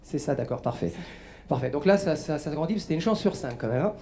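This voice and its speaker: A man's voice: on the high side, animated, fast, gravelly, mellow, a little hiss or hum. Coaxing male mentalist guiding a volunteer. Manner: patient, coaxing, reciting letters to a volunteer. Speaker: stage mentalist guest. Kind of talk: live mind-reading demonstration.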